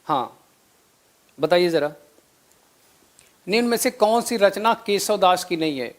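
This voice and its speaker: A young man with a high voice teaches a live online exam-prep class. He quizzes his students, repeats each answer and drops chatty asides between questions. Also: lively intonation, measured pace.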